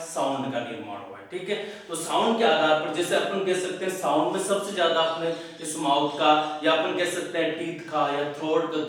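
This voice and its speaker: A male English grammar teacher with a Rajasthani Hindi accent, lecturing in Hindi, calling students "बेटे" and answering his own questions. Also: high-pitched. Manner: asks the class questions and answers them himself, calls students "बेटे". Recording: very echoey room, mic far off.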